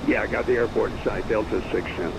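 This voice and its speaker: A man's voice: on the low side, fairly even intonation, quick pace, very noisy. A man acting as a pilot, giving brief readbacks over a cockpit headset radio. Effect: pilot heard over cockpit headset radio. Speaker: pilot on radio in flight simulator network.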